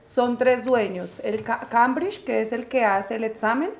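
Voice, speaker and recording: A woman's voice: fairly high pitch, a little slow, echoey room. A woman co-presenting an online information session about an exam, clarifying points in a matter-of-fact way. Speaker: IELTS staff co-presenter.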